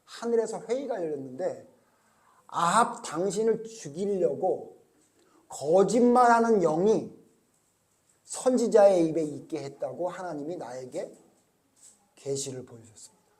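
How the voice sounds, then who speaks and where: A stern prophet delivers a grave warning to a king, as a male preacher puts him on. He speaks slowly and solemnly in a fairly high voice. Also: lively intonation, a little mellow.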